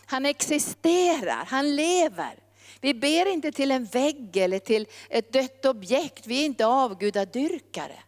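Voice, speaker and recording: A woman preaching to a gathering, her voice sitting fairly high. She talks in an emphatic, fervent way, building to repeated calls. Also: long reverb tail. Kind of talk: sermon.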